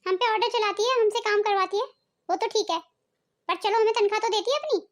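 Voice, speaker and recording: A woman's voice: very high voice, fast. A woman voicing a put-upon young woman of the household in a cartoon family drama, complaining and eager. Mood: grumbling.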